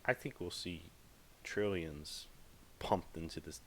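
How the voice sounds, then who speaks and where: A man's voice: sits low, expressive, slow pace, a little hiss or hum. A man hosting a podcast, talking casually in a rambling, emphatic way with lots of fillers. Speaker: podcast host. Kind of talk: casual monologue.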